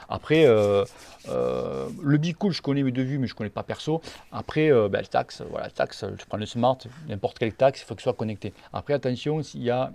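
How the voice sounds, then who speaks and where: Host answering viewer questions, southern French accent, gravelly, blunt and teasing. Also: male voice, medium pitch, a little mellow. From Catalonia, near Perpignan. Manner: blunt, joking, slangy. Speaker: cycling channel host.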